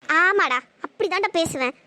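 A performer voicing a shy, flustered young woman who stammers, in a pitch-shifted cartoon voice. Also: expressive, moderate pace, sharp tone, no room sound, full character voice. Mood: flustered, teasing. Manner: hesitant, stammering.

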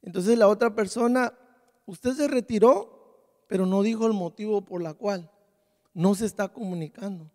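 Guy giving a homey church talk, pretty high voice, big reverby hall, keeps repeating himself. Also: moderate pace, warm tone. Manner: folksy, repeats phrases, often adds "¿verdad?". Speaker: church leader. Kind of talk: conversational church sermon.

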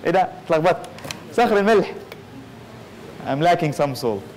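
A man's voice: fairly high pitch, sing-song, normal speed, a little mellow, a little hiss or hum, poor audio. A man with an Egyptian Arabic accent giving an informal lecture, playful and punning, slipping English phrases into his talk.

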